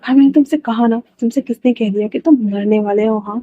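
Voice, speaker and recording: A woman's voice: on the high side, brisk, narrow, tinny audio, natural voice. A woman doing a cold, curt male doctor. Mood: stern, soothing. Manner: quiet, curt and rude.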